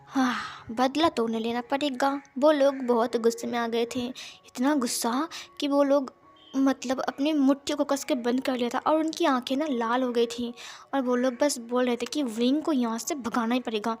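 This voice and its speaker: A woman narrating a fan-fiction story in a lively, conversational way. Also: high voice, moderate pace, faint music behind.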